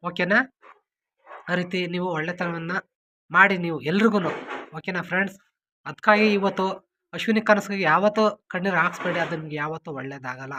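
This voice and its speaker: A woman's voice: medium pitch, bright, forceful tone, highs cut off. A woman YouTuber making an earnest, pleading appeal to her viewers, and she keeps checking in with "okay?" as she talks.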